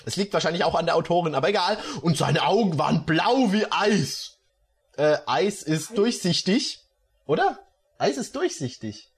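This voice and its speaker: A man's voice: a little high, expressive, normal speed, breathy edge. Sarcastic man mocking fan fiction. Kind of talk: comic reading with commentary.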